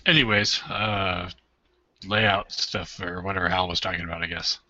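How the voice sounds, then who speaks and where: A man's voice: deep voice, steady tone, normal speed, sharp tone. A man chatting casually as a tabletop game player, tentative and often trailing off. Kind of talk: casual chat. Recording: dull lo-fi audio.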